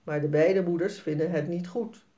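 A woman narrating a children's story read aloud in a clear storytelling manner. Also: fairly low pitch, moderate pace, mellow, highs cut off.

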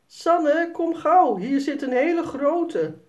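A woman voicing a lively young boy who likes to tease and boasts that he is brave. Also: fairly high pitch, a little slow, pitched above the performer's own voice. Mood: excited. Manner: eager, boasting.

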